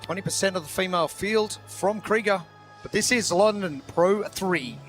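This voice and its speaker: Male live sports commentator, high voice, light music underneath. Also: moderate pace, fairly bright tone.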